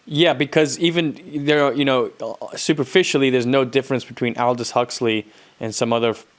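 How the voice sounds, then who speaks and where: A man co-hosting a casual studio podcast, dropping quick, joking interjections. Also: medium pitch, fairly even intonation. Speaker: podcast co-host.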